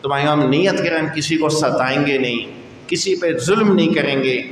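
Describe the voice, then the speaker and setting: Man preaching in an echoey mosque. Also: fairly high pitch. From Pakistan. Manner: exhorting congregation with rhetorical questions. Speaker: mufti preacher. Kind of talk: sermon. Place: large mosque hall. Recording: echoey mosque with long reverb, faint noise.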